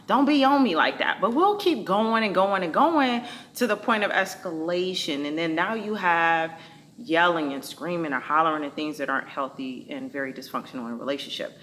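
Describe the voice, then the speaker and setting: A woman's voice: low voice, moderate pace, fairly bright tone, slight background noise. A woman hosting a casual talk show, outspoken and playful, speaking. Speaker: host.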